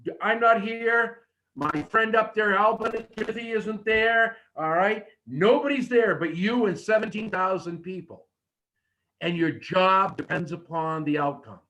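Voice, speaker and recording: A man's voice: sits high, unhurried, pushed and bright, muffled recording. A man coaching wrestling promos with emphatic, short instructions and demonstrated lines.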